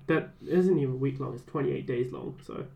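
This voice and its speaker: A man's voice: mid-range voice, a little fast, gravelly, darkish tone. A young man, a first-year university student, co-hosting a podcast in a laid-back, hesitant chat. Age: young adult. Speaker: podcast co-host. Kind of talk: casual chat.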